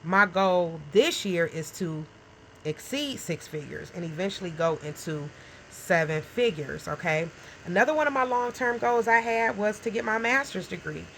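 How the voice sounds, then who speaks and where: This woman in her forties has a lowish, fairly bright voice with lively intonation and a moderate pace. She talks casually and straight to the camera as a small business owner, frank and encouraging, regularly checking in with "okay?" and "right?". A little hiss or hum marks the rough recording.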